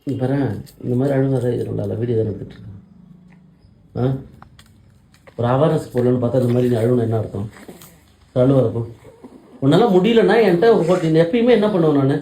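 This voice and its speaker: A man's voice: medium pitch, expressive, brisk, long pauses, warm tone, a little hiss or hum. A man arguing with his wife at home in an insistent, scolding way, repeating his points. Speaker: husband in a couple skit. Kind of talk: casual domestic argument. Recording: echoey room.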